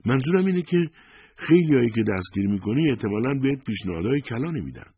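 A man's voice: mid-range voice, very animated, mellow, breathy edge, muffled recording, voice pushed up. A man voicing a curious, probing young male official in an audiobook. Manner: probing, inquisitive. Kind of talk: audiobook character voice.

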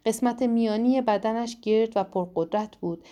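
A woman narrating a first-person book in a measured, plain reading. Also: on the high side, mellow. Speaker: audiobook narrator.

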